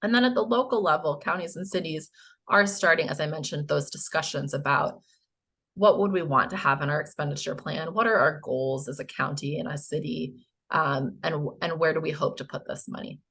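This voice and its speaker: An American woman with a hoarse, croaky voice, giving a public presentation to a board. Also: low-pitched, moderate pace, fairly bright tone. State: hoarse, coughing. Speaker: presenter, housing finance agency staff.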